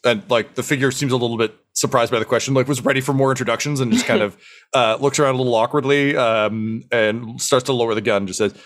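A man's voice: medium pitch, fairly even intonation, fast talker. A man narrating as dungeon master in an improvised tabletop game, loose and full of fillers and chuckles.

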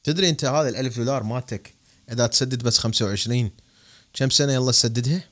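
A young man with an Iraqi Arabic accent hosting a casual podcast, talking about money in an animated, joking way with emphatic bursts. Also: medium pitch, rapid-fire. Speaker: podcast host giving money advice.

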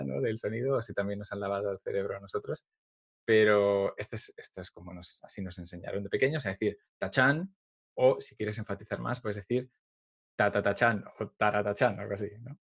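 Low-voiced man chatting about learning Spanish. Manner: thoughtful, hesitant with fillers, jokey. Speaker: Spanish teacher podcast co-host. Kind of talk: casual teaching chat.

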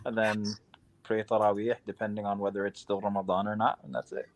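A man's voice: fairly low pitch, little pitch movement, a little fast, slight background noise. A young man, a laid-back imam chatting casually as a podcast guest. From Queens, New York.

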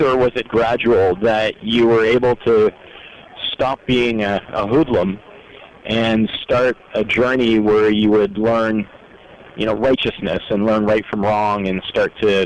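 A man conducting an interview, his voice a little low. He asks long, winding questions in a respectful tone. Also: unhurried, muffled recording.

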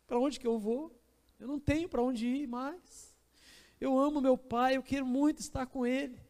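An anxious, pleading young man , acted out by a preacher with a Brazilian Portuguese accent and a high voice. He sounds restless, as in a sermon story. The church's long reverb hangs behind him. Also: steady tone, moderate pace, darkish tone. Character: anxious young man returning to his father.

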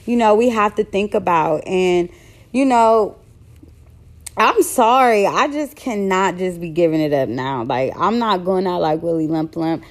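This podcast host, a woman in her thirties, delivers a casual solo monologue that's blunt and candid, occasionally tripping over her words. She has a fairly low, animated voice and talks a little slowly.

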